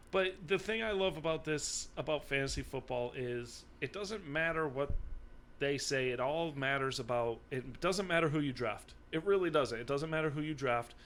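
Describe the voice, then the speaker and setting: A man co-hosting a casual podcast chat, emphatic and building up loudly when he gets going. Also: a little high. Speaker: podcast co-host. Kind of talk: casual fantasy football chat.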